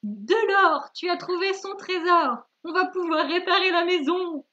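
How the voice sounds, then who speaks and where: A delighted old grandmother sheep, put on by a woman reading a board-game story, talks slowly in high, loud exclamations. The audio is a little dull. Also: heavily acted. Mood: overjoyed. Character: elderly female sheep grandmother, overjoyed.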